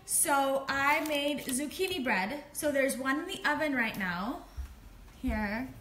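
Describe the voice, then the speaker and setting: A woman in her thirties talks casually into a phone held at arm's length while cooking in her kitchen. Her voice sits high and sounds bright. She rambles, restarts and laughs often, with a faint hiss behind her. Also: expressive, takes it slowly. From United States. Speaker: family physician and cooking vlogger. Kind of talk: casual live-stream chat. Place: home kitchen, indoors.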